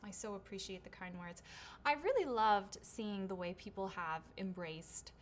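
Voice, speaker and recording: With a medium-pitched voice, lively intonation and a moderate pace, a woman voice actor hosts her own livestream Q&A; a little hiss or hum is audible. English is her first language, and on a shotgun studio mic she reads viewer questions aloud, answering in an upbeat, chatty style with frequent "right?" and "um."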